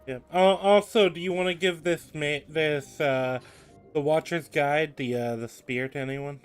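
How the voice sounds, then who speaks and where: A man's voice: fairly high pitch, steady tone, unhurried, clear, resonant tone, faint music behind. A young man casually chatting with a friend while playing a co-op game, agreeable and a bit hesitant. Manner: agreeable, short replies, hesitant. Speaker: gamer co-op player. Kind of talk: casual gameplay chat.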